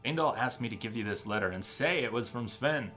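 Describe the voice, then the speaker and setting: This streamer keeps up casual play-by-play chatter while game music runs underneath, thinking out loud. His medium-pitched voice is sharp and lively in intonation, moving a little fast.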